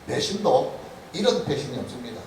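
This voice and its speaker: Animated male pastor preaching in an echoey hall. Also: mid-range voice, moderate pace. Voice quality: animated preaching with sharp rises and drops in emphasis. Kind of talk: expository sermon. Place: church sanctuary. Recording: echoey church hall, speaker far from the mic, light background noise.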